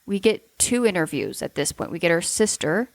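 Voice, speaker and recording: A woman's voice: on the low side, animated, normal speed, gravelly, dry recording, poor audio. A woman co-hosting a casual true-crime discussion, speaking in an opinionated, emphatic way. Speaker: podcast co-host.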